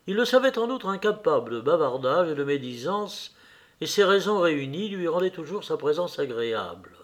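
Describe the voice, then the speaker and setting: A man narrating a classic novel aloud in a measured, even manner. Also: fairly high pitch. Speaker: audiobook reader.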